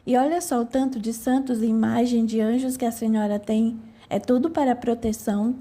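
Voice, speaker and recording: A woman voicing Death as an elegant, sarcastic gentleman in an audiobook. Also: fairly high pitch, fairly even intonation, a little fast, close to an everyday voice. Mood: mocking. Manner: sarcastic, teasing. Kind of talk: audiobook character reading.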